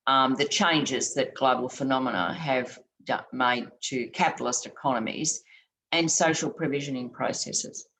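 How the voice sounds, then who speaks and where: This Australian woman's academic conference talk comes over a video call, her voice scratchy from the late hour. Her pitch is extremely low yet slightly bright, and she speaks in a measured way, often umming and restarting.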